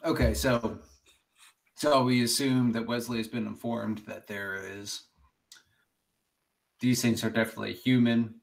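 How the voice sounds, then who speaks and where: A man's voice: medium pitch, fairly even intonation, unhurried, gravelly, long pauses. A man playing a tabletop roleplaying game, carefully talking through plans with the group. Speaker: player. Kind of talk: casual tabletop chat.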